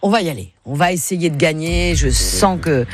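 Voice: medium pitch, normal speed. Teasing radio quiz host over music. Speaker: game show host. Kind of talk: radio quiz hosting, playful banter. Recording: music bed behind the voice.

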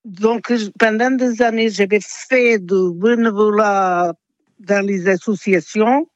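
An older woman from Portugal with a Portuguese accent, answering interview questions haltingly with many fillers. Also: mid-range voice, no echo, muffled recording. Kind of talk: radio interview.

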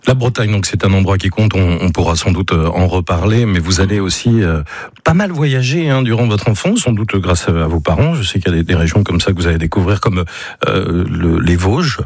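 Male radio host, husky and low, leads the conversation with steady questions. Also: a little fast, no echo, clean studio sound. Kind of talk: radio interview.

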